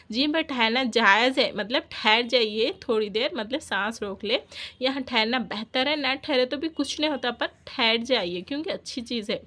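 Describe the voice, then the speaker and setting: A woman explaining Quran reading marks in a casual lesson, slowly repeating and restarting her words. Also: on the high side, bright, forceful tone.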